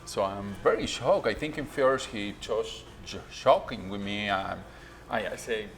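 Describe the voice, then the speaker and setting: A man's voice: lowish voice, unhurried. A man from Argentina with an Argentine accent and Spanish as his first language, a restaurant owner telling his story in a candid on-camera interview, peppering his English with "you know". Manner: non-native English, frequent "you know", animated retelling.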